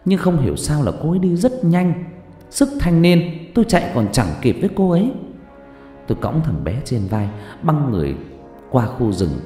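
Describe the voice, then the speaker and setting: A man's voice: a little high, big pitch swings, moderate pace, warm tone. A man narrating a horror story in the first person, with a dramatic delivery. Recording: echoey room with long reverb and faint music.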